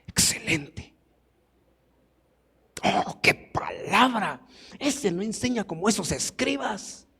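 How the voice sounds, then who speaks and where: A man preaching, acting out an awed male disciple who gushes about his teacher in low, hushed asides. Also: very animated, takes it slowly, vocal fry, pauses often, breathy edge, heavily acted. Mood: gushing.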